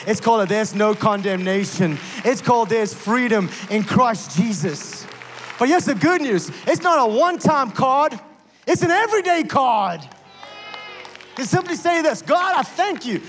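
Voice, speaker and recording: A male pastor preaching a sermon in a church, telling stories and acting out voices with lively energy. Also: high voice, moderate pace, big-room sound, soft background music. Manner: animated storytelling with acted-out voices. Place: church sanctuary.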